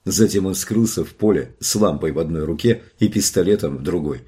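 Deep dark husky guy narrating an audiobook, steady and tense. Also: brisk. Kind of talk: scripted narration.

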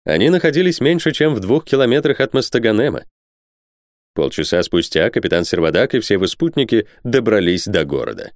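A man reading a novel aloud as an audiobook narrator, with expressive delivery. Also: lowish voice, a little fast, no room sound, clean studio sound. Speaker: audiobook reader. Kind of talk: scripted narration.

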